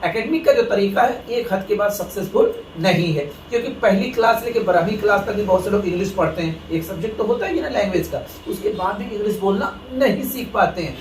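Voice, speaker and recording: A man's voice: high voice, a little hiss or hum. A man from India gives a spoken lesson, explaining step by step and calling his viewers friends. He sits some distance from the mic, so the voice carries the echo of the room around him. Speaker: English teacher. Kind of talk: Hindi lesson talk.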